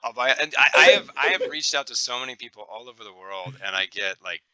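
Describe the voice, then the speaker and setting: A man chatting as a radio guest, excitable and full of restarts. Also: mid-range voice, quick pace, a loud crowd, low-quality recording. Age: adult with kids. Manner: animated, excitable, restarts a lot. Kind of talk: casual chat.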